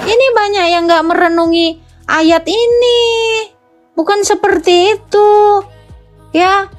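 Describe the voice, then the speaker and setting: Very high-voiced blunt scolding woman. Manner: scolding, blunt, addresses listeners as Pak and kau. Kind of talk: live-stream preaching and debate.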